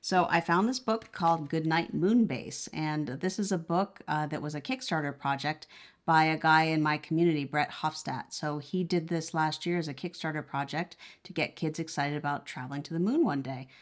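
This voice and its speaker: A woman product reviewer with a notably low-pitched voice walks through a product demonstration at a moderate pace. She keeps it casual and conversational, explaining each step as she goes.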